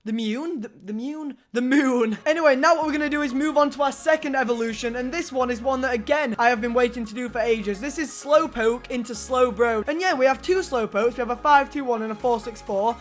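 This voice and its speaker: A gaming video host giving excited gameplay commentary, talking straight to viewers with hyped, emphatic repetition. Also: sits high, fast, few pauses, soft background music.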